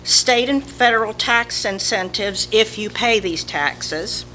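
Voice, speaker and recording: Southern lady w a slow drawl reading an announcement at a town meeting, bright voice, bit of noise. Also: mid-range voice. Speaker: volunteer community representative at a village meeting. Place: indoor village board meeting. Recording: noisy public meeting room recording.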